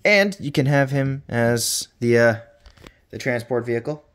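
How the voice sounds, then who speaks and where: A rambling, chatty man talks through a toy review at an ordinary pitch, tossing in a casual curse now and then. His voice rings with an echoey room reverb that hangs on every phrase. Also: expressive, a little slow, fairly bright tone, smooth. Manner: chatty, rambling, with playful swearing.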